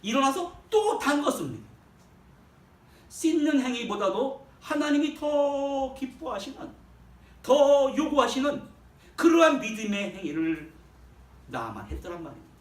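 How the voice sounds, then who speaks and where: High, animated preaching man in echo. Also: measured pace, long pauses. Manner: emphatic preaching with sharp swings in pitch and volume. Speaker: pastor. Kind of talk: sermon. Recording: roomy echo, voice from a distance, faint background hum.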